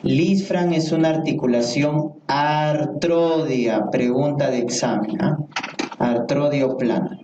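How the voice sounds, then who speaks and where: An anatomy lecturer, male, with a steady mid-range voice, delivers a slow medical lecture in which he repeats the key terms and questions the class. The recording is muffled and noisy, and his voice comes from far off in an echoing space.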